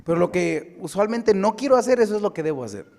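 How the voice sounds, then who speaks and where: A man's voice: sits high, quick pace. A pastor, telling a personal story in his sermon and building to emphatic exhortation. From United States. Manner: lively anecdotal preaching, building to emphatic exhortation. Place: church sanctuary. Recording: long church-hall reverb.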